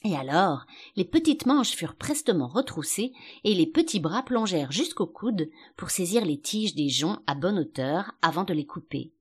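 Expressive woman reading a storybook. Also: on the low side, normal speed, husky. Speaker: narrator. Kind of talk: scripted audiobook narration.

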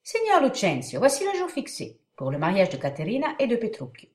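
A woman's voice: on the high side, wildly swooping pitch, brisk, reverberant, pitched above the performer's own voice. A woman playing a worried middle-aged father of a bride in a stage comedy, formal and questioning. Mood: troubled. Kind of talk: dramatic reading of a classic stage comedy.

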